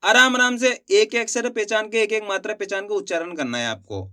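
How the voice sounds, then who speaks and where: A man's voice: high voice, a little fast, sharp tone, smooth. A man teaching reading in an online lesson, sounding out each syllable and then saying the whole word, coaxing viewers along as friends.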